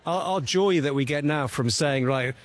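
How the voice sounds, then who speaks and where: A man's voice: fairly high pitch, normal speed. A man in his fifties, a lecturer, answering interview questions in a chatty, self-deprecating way.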